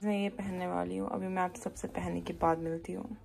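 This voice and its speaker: A woman's voice: lowish voice, level tone, fairly quick, vocal fry, background noise. A young woman from Kashmir chatting to her phone at arm's length, narrating her day as a vlogger, out on the streets, in a cafe and at home. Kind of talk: casual vlog chat.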